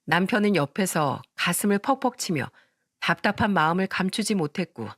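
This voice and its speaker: A woman's voice: on the low side, animated, normal speed, no echo, clean studio sound. A woman narrating a dramatized first-person family story, voicing every character herself.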